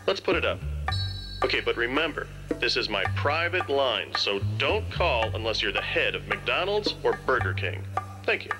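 A man's voice: medium pitch, close to an everyday voice. A man playing a smug, self-assured burger mascot in a scripted TV ad, speaking with sarcastic confidence. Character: cocky mascot, grown man with ball head, smug. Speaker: ad spokesman. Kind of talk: scripted TV ad spokesman.

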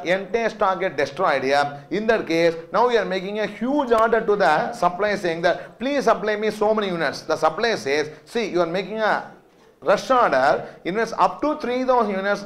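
A man with a South Indian accent lecturing like a classroom teacher, asking rhetorical questions and often checking that students follow. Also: sits high. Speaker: accountancy teacher.

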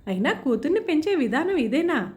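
Shrill, scornful village aunt with a swooping voice, read by a woman narrator. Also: very animated, moderate pace. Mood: angry shouting. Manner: taunting, shouting scornfully. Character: sarcastic, loud-mouthed middle-aged village aunt.

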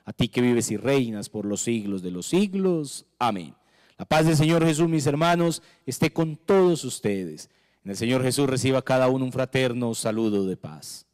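A man in his forties with a Colombian Spanish accent, a priest leading Mass with solemn, measured recitation into a handheld microphone in a small chapel. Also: mid-range voice, expressive, a little mellow. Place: small chapel with altar flowers. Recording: long chapel reverb.

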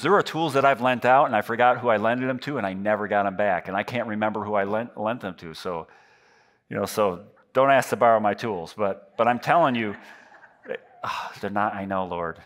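Wearing a headset mic on a big church stage lit from behind, a fifty-something pastor delivers a sermon in a fairly low, slightly bright voice at a moderate pace. He talks loosely, pokes fun at himself, and frequently starts over.

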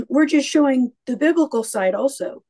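A woman co-hosting a casual talk on faith, chatting freely and repeating words as she finds her point. Her voice sits a bit higher than most women's. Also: animated, unhurried, mellow, slightly rough. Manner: conversational, with hesitant repeats. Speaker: podcast co-host. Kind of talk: casual theological discussion.

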